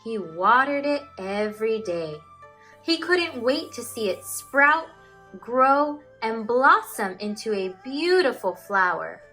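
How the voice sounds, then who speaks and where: Lady teacher doing story time for kids, slow n super expressive, up and down pitch. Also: faint music behind, low-quality recording. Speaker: teacher reading children's storybook aloud. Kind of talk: expressive children's storybook reading.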